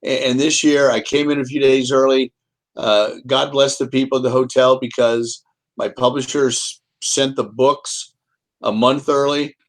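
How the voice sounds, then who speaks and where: A man's voice: medium pitch, fairly even intonation, a little slow. A man, an author and guest, telling stories in a casual chat, rambling with repeats and restarts. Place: home, Kansas City.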